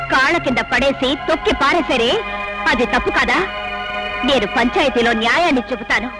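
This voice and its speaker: A stern devout village elder sister. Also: female voice, sits high, low-quality recording. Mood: indignant. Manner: stern, accusing, pleading in prayer. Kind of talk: melodramatic film acting. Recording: film soundtrack with loud music.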